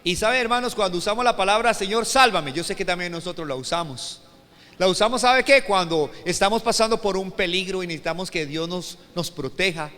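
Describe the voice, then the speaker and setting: Bright-voiced man preaching in a hall. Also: sits high, a little fast. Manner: preaching with call-and-response prompts, bursts of loud emphasis when reading scripture. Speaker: pastor. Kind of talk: sermon.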